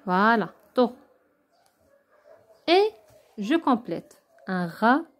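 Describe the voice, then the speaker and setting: Woman teacher, fairly high voice, slow and patient, sounds out syllables for kids. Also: big pitch swings. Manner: patient, spells out syllables one by one, often checks with "d'accord?". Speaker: primary school teacher. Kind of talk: slow, step-by-step remote lesson for young children.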